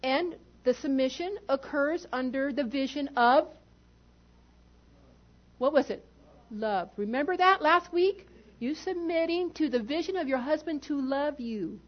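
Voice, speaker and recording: A woman pastor delivers a sermon in a high voice, emphatic and direct, putting rhetorical questions to her congregation. The recording sounds dull and lo-fi. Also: expressive, unhurried.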